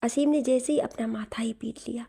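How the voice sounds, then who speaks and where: Storybook narrator: a woman with a high, mellow voice and a steady, expressive read. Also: brisk, vocal fry, breathy edge.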